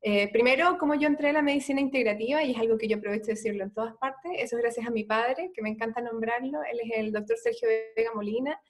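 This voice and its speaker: Speaking fast and barely pausing, a woman from Chile with a highish voice and a Chilean Spanish accent shares her story as a guest doctor. She's earnest and conversational, filling gaps with frequent "eh."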